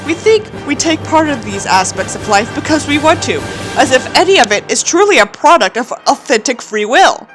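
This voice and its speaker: A woman performs a pompous, nihilistic teenage boy reading his journal aloud, her high voice swooping theatrically with contempt and self-importance. She sounds smug and detached, expressive at a moderate pace with few pauses, while soft music plays underneath.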